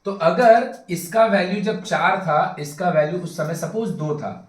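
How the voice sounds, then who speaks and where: A man's voice: high voice, measured pace. A man teaching a math class, urging his students to pay attention and mixing English phrases into his explanation. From India. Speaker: math tutor. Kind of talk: classroom lesson. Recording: echoey room.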